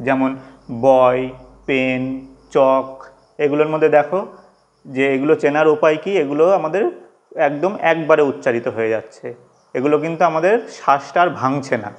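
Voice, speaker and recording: A man teaching English, explaining slowly and patiently, repeating and stretching out the example words. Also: a little high. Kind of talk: classroom-style explanation.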